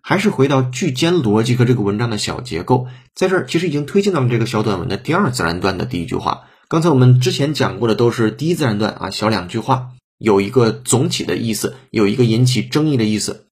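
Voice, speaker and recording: A man with a slightly husky voice explains an English lesson at an even, steady pace. He works through each phrase piece by piece and pauses to spell words out letter by letter. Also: medium pitch. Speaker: English teacher.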